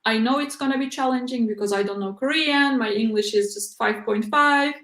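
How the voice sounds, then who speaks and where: In an echoey room, a young Uzbek woman who speaks English as a second language appears as a PhD researcher guest in a casual interview. Her voice is a little high and a bit bright, and she talks haltingly, filling gaps with "like" and "uh" and frequently restarting.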